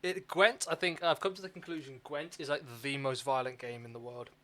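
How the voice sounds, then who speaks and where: Over game sounds and background noise on a clearly noisy mic, a man chats exclamatorily with viewers while hosting a casual game livestream. His mid-range voice is steady yet pushed and bright, moving a little fast.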